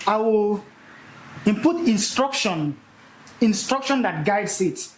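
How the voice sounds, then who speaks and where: Animated young man teaching in an echoey room. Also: sits high, takes it slowly, slight background noise. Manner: animated, repeats key words for emphasis. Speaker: speaker teaching a live session. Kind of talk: energetic classroom teaching.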